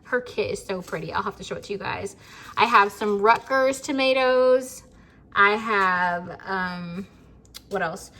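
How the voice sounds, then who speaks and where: A woman's voice: medium pitch, measured pace, pushed and bright. An American woman talking casually to camera as a gardening vlogger, chatty and rambling, with plenty of fillers.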